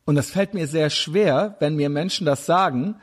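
A man with a high, husky voice talks in loose, casual podcast chat. He rambles through stories in a blunt, self-mocking way. The talk feels unscripted and relaxed. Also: normal speed.

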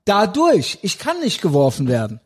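A man in casual podcast banter, excitable and laughing often. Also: high voice, moderate pace, slightly rough.

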